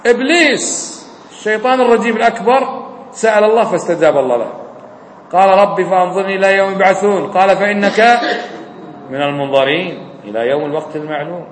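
A man preaching a sermon as an imam, fervent and swinging between near shouts and low, quiet lines. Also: expressive, fast, a little hiss or hum. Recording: echoey hall with long reverb.

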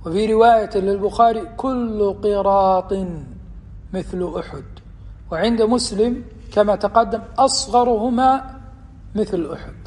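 A man giving a religious lesson, explaining hadith in a measured, deliberate way and slowing down for quotations. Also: high voice, darkish tone. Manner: measured, deliberate explanation with slow quoted passages. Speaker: Islamic teacher. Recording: long hall reverb.

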